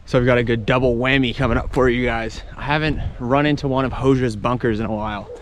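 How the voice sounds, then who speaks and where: He talks fast in a steady, mid-range voice, with slight noise in the background. As a travel vlogger walking around outside, he chats casually and explains things off the cuff while exploring.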